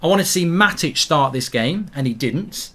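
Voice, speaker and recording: A man's voice: fairly high pitch, lively intonation, moderate pace, a bit bright. A man hosting a fan channel, giving an emphatic, repetitive post-match breakdown. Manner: emphatic, repetitive, frustrated reasoning. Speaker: football fan channel host. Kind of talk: casual post-match rant to camera.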